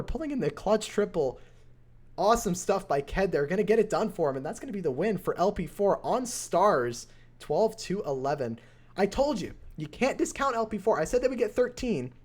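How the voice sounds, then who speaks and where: On his live stream, a young man who casts esports and streams gives excitable play-by-play of a mobile strategy game match, nearly shouting when finishes get close. His voice is fairly high and turning hoarse, at a normal speed.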